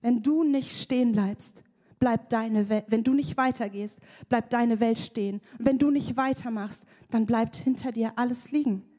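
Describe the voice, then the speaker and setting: A woman preaches with a slightly high, lively voice, slipping into playful acted voices now and then. Her sermon rings through a large hall with a long reverb. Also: moderate pace.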